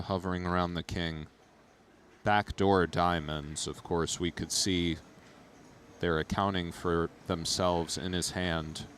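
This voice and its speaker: A man giving analytical poker commentary and casual chat in a measured, thoughtful way. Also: deep voice, a little hiss or hum.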